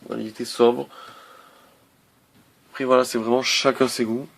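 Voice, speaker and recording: Gravelly man giving a halting tech review. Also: medium pitch, level tone. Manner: hesitant, many fillers and restarts. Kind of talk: casual laptop review.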